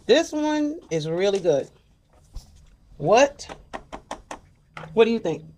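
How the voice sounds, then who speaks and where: A woman's voice: fairly high pitch, sing-song, takes it slowly, a little mellow, slight background noise. An older woman hosting a casual chat, chatty, sometimes reading package text aloud. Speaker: host.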